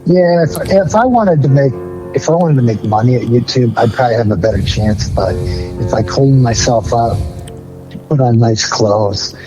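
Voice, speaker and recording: A man's voice: medium pitch, lively intonation, moderate pace, over music, low-quality recording. A man in casual, conversational talk with another video creator. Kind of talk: casual chat.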